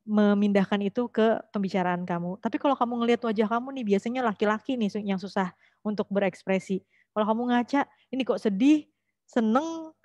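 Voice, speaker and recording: A young woman leads a public speaking class in a relaxed, chatty way. She drops English phrases into her talk now and then. Her voice sounds close and dry, with no room echo. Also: medium pitch. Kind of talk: online workshop lesson.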